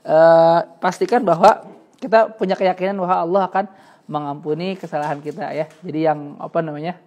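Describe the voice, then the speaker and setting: A man's voice: fairly high pitch, muffled recording. A male Quran teacher gives a casual tajwid lesson. He talks in a loose, conversational way and stretches out Arabic letters to demonstrate them. Light laughter often breaks up his explanations. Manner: chatty and relaxed, slowly demonstrating Arabic letter sounds.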